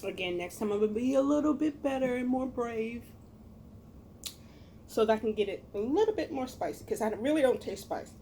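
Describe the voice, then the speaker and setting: A middle-aged American woman chatting casually to viewers as a cooking vlogger, with a folksy, expressive, emphatic manner. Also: fairly high pitch, brisk, slight background noise.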